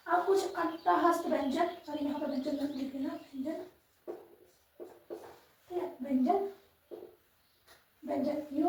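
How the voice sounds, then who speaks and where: Young female teacher, high pitch, patient and repetitive delivery, distant mic in a booming room. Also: warm tone. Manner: patient, repeats sounds slowly, frequent "theek hai" checks. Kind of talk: Hindi grammar lesson, explaining at a board. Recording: echoey room, voice from far off.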